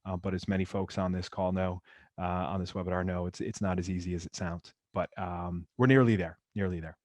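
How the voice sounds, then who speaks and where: Low-voiced man, relaxed webinar talk. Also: fairly quick, dry recording. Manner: relaxed, filler-heavy. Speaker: webinar speaker.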